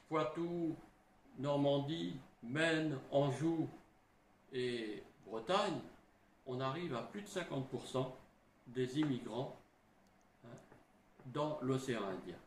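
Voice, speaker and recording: A middle-aged man speaks as a historian, slow and unhurried, his pitch rising and falling a lot. He talks in a halting way, restarting phrases and tagging them with little asides. The room sounds roomy, with faint ambience behind him. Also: expressive, slight background noise. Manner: halting, frequent "hein" and restarts. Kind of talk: explanatory talk.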